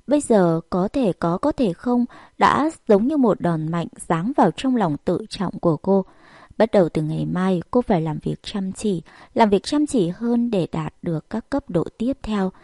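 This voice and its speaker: A woman narrating an audiobook story in a steady, even reading. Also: medium pitch, measured pace, dry recording, studio quality.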